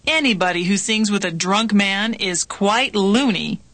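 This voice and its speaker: A woman reading scripted practice dialogues for a language lesson in a clear, measured way. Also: mid-range voice, lively intonation, a bit bright, no room sound.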